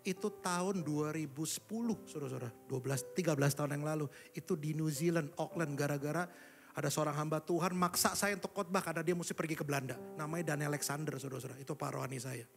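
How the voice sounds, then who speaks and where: A young man preaching a sermon, animated, switching between loud exclamations and low asides, often addressing the congregation. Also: fast talker, vocal fry. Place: large church hall. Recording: live church recording with long reverb and faint music.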